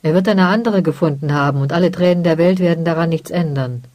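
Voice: mid-range voice, fast, darkish tone, no room sound, close to an everyday voice. A reader voicing a blunt, worldly older merchant who scolds his daughter. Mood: dismissive.

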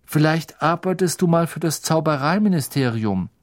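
A man's voice: a little high, expressive, normal speed, voice pushed up, close to an everyday voice. A man reading an audiobook, voicing a joking teenage schoolboy with an offhand, mocking drawl.

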